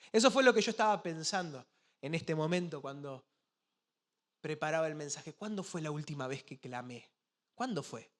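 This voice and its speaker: A man preaching a sermon with a Rioplatense Spanish accent, asking many rhetorical questions and swinging between soft and loud passages. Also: fairly high pitch. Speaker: pastor.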